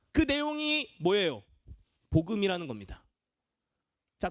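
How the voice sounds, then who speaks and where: A man's voice: high voice, dry recording, clean studio sound. A young man, a junior pastor, preaching a children's sermon in a church classroom, quizzing the kids and acting out voices. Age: young adult.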